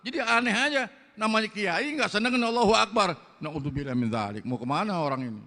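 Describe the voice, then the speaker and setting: An older man with a Betawi accent preaching a blunt, loud mosque sermon in slangy street talk, firing rhetorical questions at the congregation. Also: high voice, expressive, fast talker. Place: large mosque hall. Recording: long mosque reverb.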